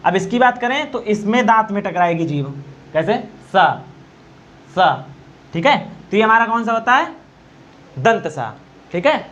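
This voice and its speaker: A male teacher giving an exam-prep grammar lesson, quizzing students, repeating answers and slowly demonstrating sounds. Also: sits high, very animated, fairly bright tone. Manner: quizzing, repeats answers, asks "okay?" often. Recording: dull lo-fi recording.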